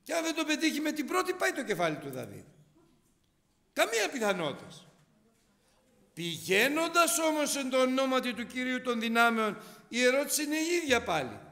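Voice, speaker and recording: A man preaching a sermon in a church, animated, with many rhetorical questions and repeated phrases. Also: extremely high pitch, creaky, long reverb tail.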